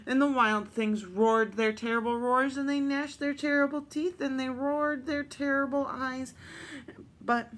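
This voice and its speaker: A woman reading picture books aloud for storytime, unhurried and expressive. Her voice sits a little high, and she keeps a playful, lilting read-aloud tone. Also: slight background noise. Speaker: storytime reader.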